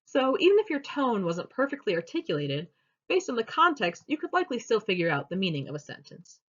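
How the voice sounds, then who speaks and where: A young woman delivers a class presentation, walking through her points in a steady, explanatory way. Her pitch moves around a lot, giving the talk a lively lilt. The recording sounds a bit dull and lo-fi. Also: brisk. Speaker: student presenter.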